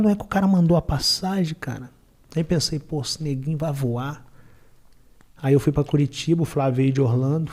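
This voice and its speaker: With a warm, mid-range voice, a Brazilian man who sold water on the beach before becoming an entrepreneur shares a personal story as a podcast guest. He speaks colloquially and emphatically, acting out the conversations.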